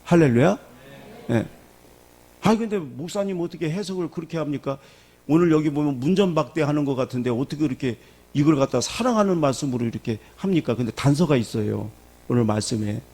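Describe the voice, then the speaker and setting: A man's voice: fairly high pitch, lively intonation, fairly quick, warm tone. A middle-aged male pastor preaching a sermon in a church, asking the congregation questions as he goes. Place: church sanctuary.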